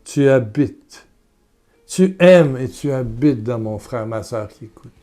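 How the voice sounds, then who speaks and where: A man with a Québécois French accent preaching a sermon and leading a guided prayer. He is earnest and repetitive, swinging from loud urging to soft murmurs. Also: medium pitch, expressive, slow.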